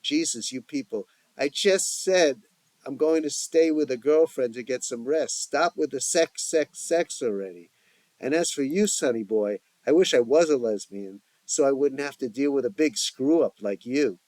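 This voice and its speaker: A man's voice: medium pitch, animated, normal speed, a little mellow, no echo, natural voice. A man voicing a fed-up, exasperated middle-aged mother in a family audio story. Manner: exasperated, complaining.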